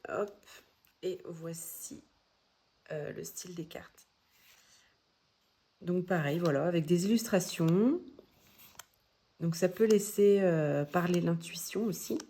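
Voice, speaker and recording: A woman casually showing her new card decks, talking in a gentle, hesitant way with many pauses and fillers. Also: lowish voice. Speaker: tarot deck vlogger. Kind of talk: casual show-and-tell.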